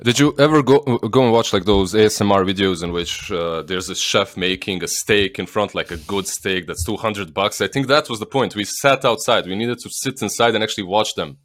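A man who casts esports, a podcast guest, with dry deadpan jokes. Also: on the low side, brisk, few pauses. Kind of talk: casual chat.

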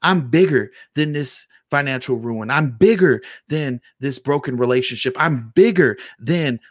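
A man's voice: mid-range voice, lively intonation, measured pace, no room sound, studio quality. A man co-hosting a motivational talk, preaching in emphatic, repetitive phrases. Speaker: co-host.

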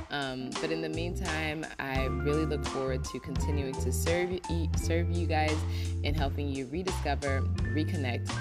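Low-voiced woman recording under a blanket. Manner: upbeat, encouraging, laughs often. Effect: muffled, recorded under a blanket. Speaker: podcast host. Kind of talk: motivational solo podcast.

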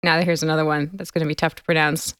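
A woman's voice: deep voice, flat delivery, fast talker, a bit bright, smooth, no room sound, studio quality. Chatty woman explaining things on a podcast. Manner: explanatory, laughs often. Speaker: podcast co-host. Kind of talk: casual podcast chat.

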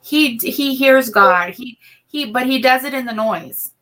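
A high-pitched, slightly bright female voice, a little slow, belongs to a middle-aged co-host and assistant on a podcast. She chats casually and rambles, restarting often and saying um a lot.

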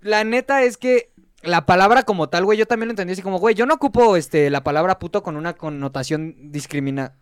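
Young Mexican man, podcast co-host; high, smooth voice, dry sound, slangy and emphatic. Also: fast, no room sound. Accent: Mexican Spanish. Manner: slangy, emphatic, restarts a lot. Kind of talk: casual chat.

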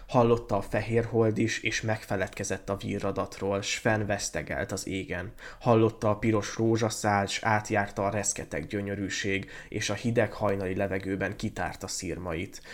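A man reading a fairy tale aloud in a measured, lyrical way as a podcast host. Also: fairly low pitch, fairly even intonation.

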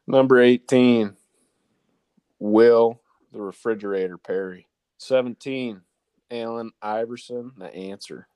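A man's voice: medium pitch, slow pace, pauses often, a little mellow, clear, resonant tone, no echo. A man giving a casual countdown of sports nicknames to co-hosts, announcing each ranked number and then the name. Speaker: sports talk show panelist presenting a list.

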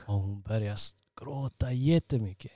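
A man's voice: lowish voice, a little mellow, dry recording, studio quality. A man in his thirties from Serbia, a father hosting a casual podcast chat at home, laughing often as he tells stories. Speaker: podcast host. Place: living room at home.

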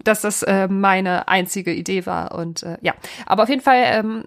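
A woman's voice: medium pitch, moderate pace, creaky. A woman in her thirties co-hosting a casual podcast, telling stories with lots of laughter. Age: 30s. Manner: animated storytelling, laughs often, mimics voices. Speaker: podcast co-host. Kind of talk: casual chat.

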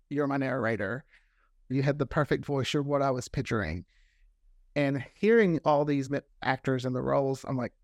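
With a fairly high pitch, a man being interviewed about his audio drama work tells lively stories, voicing other people's remarks as he recounts them. The studio-quality audio has no room sound at all.

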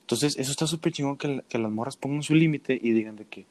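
A man's voice: medium pitch, fast, dry recording. A young man with a Mexican accent chatting casually, telling stories full of slang and breaking into laughter. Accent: Mexican Spanish. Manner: slangy, laughing, animated storytelling. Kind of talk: casual chat.

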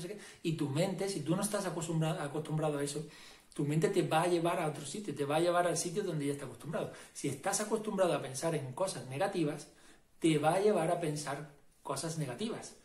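A man's voice: on the high side, quick pace, a little mellow, reverberant. A man giving a casual motivational talk as a self-help and meditation guide, emphatic and repetitive, often checking in with the listener. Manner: emphatic, repetitive, asks "¿no?" and "¿vale?".

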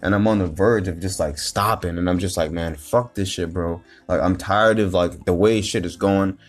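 Low-voiced man on a profane, heated rant. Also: steady tone, normal speed, soft background music. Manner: profane, repetitive and rambling, with frequent restarts; heated and frustrated, building to loud emphatic bursts. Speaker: motivational vlogger. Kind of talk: unscripted motivational rant.

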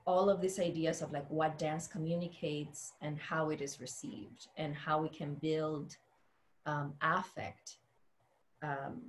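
A woman's voice: deep voice, slight background noise. A woman from the Dominican Republic, a dance teacher and choreographer, speaking thoughtfully on a panel with many fillers and restarts. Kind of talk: panel discussion.

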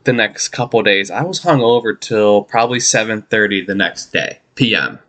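A man's voice: fairly low pitch, moderate pace, a bit bright. A man in his thirties hosting a casual podcast chat, telling rambling, self-deprecating stories. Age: 30s. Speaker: podcast host.

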